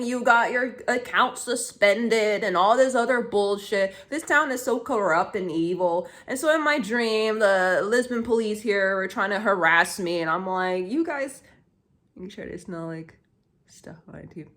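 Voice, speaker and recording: A woman's voice: on the high side, a bit bright. A woman vlogging to camera in a heated, rambling rant, swearing often and restarting her sentences. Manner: rambling, profane, heated, many fillers and restarts.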